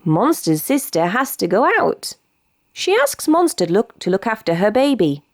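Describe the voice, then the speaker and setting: A young British woman reading a children's bedtime story aloud in an expressive, animated way. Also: mid-range voice, moderate pace, no echo, clean studio sound. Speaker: storybook reader.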